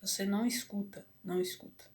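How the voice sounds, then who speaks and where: A woman telling a personal story to camera, emotional and halting with many restarts. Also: medium pitch, fairly even intonation. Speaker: vlogger. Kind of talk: personal confessional talk.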